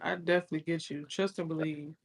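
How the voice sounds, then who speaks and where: A woman's voice: low-pitched, steady tone, fast talker, creaky, crowd noise. Laid-back, slangy woman telling a story. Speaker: co-host. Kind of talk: casual podcast chat.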